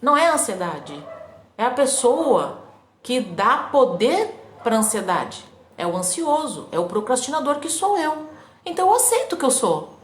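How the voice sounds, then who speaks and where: A Brazilian woman with a somewhat high voice talks earnestly and conversationally about forgiveness, asking the listener questions and sometimes acting out whiny complaints. She speaks from her bedroom, and the sound carries a noticeable room echo. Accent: Brazilian Portuguese. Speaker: speaker on self-acceptance and forgiveness. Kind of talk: informal motivational talk.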